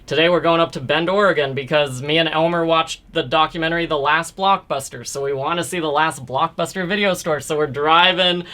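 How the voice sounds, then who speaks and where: A guest actor in his thirties tells stories in a casual interview, open and quick, dropping in playful quoted asides. His voice sits a little high with fairly even intonation, sounding pushed and bright.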